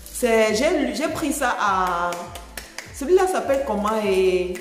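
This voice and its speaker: A woman's voice: a little high, animated, measured pace. A chatty vlogger woman with a Cameroonian French accent explains slang to her viewers, going over each phrase more than once. Her voice rings out in a roomy space with a long echo tail. Faint music plays underneath. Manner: chatty, laughs often, repeats phrases to explain. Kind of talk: casual explanatory chat to camera.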